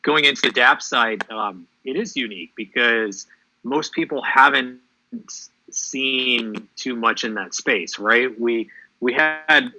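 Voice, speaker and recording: A man's voice: medium pitch, slow, no room sound, poor audio. A man hosting a live interview, upbeat and joking as he welcomes his guest. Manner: upbeat, joking, gives shout outs. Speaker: host of AMA interview.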